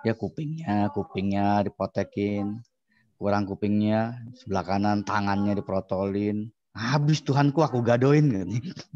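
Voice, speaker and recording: A man teaches a class. He tells the story with animated, acted-out dialogue. The sound is dull and lo-fi, like audio from an online class. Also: fairly low pitch, a little slow, no echo. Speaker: Islamic studies teacher. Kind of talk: storytelling lecture.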